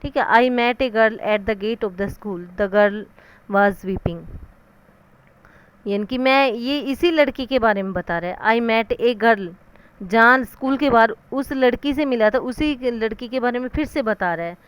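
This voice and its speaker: A woman with a fairly high, clean-toned voice teaches English grammar, explaining the rules in Hindi. She poses questions and answers them herself, reading the English rules out slowly.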